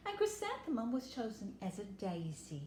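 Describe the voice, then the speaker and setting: A woman reading a children's picture book aloud, dramatically, often dropping to hushed tones, with explanatory asides. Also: on the high side, wildly swooping pitch, normal speed. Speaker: story reader. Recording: roomy echo, faint background noise.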